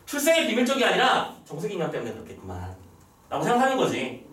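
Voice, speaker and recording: A male teacher giving an online lesson, quizzing his students with quick rhetorical questions and acting out lines from the text. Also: high-pitched, huge pitch swings, fairly bright tone. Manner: reads the text's lines aloud in acted voices. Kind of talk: online lecture. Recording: roomy echo, a little far from the mic.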